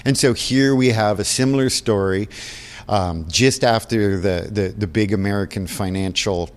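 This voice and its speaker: A theater technical director and stagecraft instructor explains things earnestly and enthusiastically in a conversational interview. His fairly low voice is smooth and moves at a normal speed, recorded in a reverberant, hall-like room.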